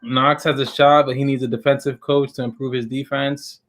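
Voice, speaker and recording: A man co-hosts a live basketball stream, offering emphatic, opinionated takes in casual slang. His voice is medium-pitched and a bit bright, with little pitch movement and a normal speaking speed.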